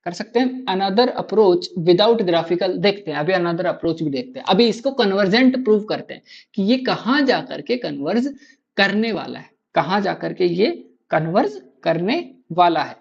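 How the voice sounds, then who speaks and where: A man's voice: sits high, lively intonation, measured pace, creaky, slightly rough, muffled recording. A man teaching maths in a live online class, quizzing students with constant rhetorical questions and repeating key answers to drill them in.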